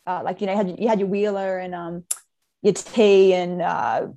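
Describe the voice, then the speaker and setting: A woman's voice: lowish voice, fairly even intonation, moderate pace, warm tone. A woman in her twenties with a Queensland Australian accent, chatting informally as a soccer player being interviewed. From Brisbane, Australia. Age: 20s. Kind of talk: casual chat.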